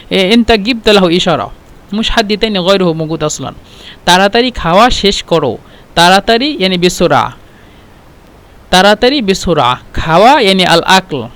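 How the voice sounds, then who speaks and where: Quick, high-voiced male language teacher. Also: fairly bright tone. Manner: repeats words and explains them one by one; non-native, broken Egyptian Arabic. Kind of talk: casual spoken lesson.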